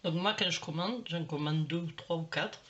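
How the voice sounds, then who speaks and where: A woman's voice: low voice, normal speed, fairly bright tone. A middle-aged woman chatting casually to camera at home, rambling and full of fillers as she shows her shopping. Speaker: vlogger showing a shopping haul. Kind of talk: casual haul chat to camera. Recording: slightly dull home recording with faint noise.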